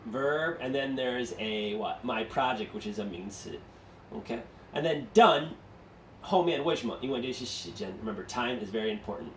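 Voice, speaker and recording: A man's voice: mid-range voice, animated, normal speed, fairly bright tone, slight background noise. A man teaching an English class, explaining step by step and asking students questions, switching between English and Mandarin. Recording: echoey room, mic far off.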